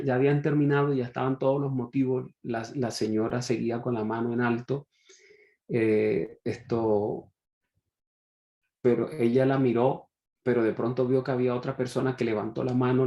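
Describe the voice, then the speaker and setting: A man's voice: mid-range voice, creaky, mellow, roomy sound, muffled recording. A male pastor preaching a sermon and telling a story, acting out the voices of the people in it.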